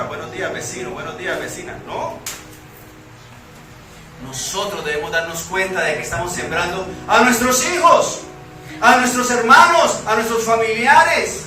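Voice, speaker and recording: A man's voice: very high-pitched, heavy reverb, distant mic, rough recording. A man with a Colombian accent preaching a sermon as pastor, putting rhetorical questions to the congregation.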